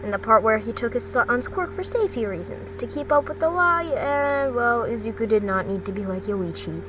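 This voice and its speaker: An amateur fan fiction reader, a high-voiced woman, reads a story aloud haltingly and expressively, stumbling over words. The scripted narration is recorded on a distant mic with loud rumbling noise.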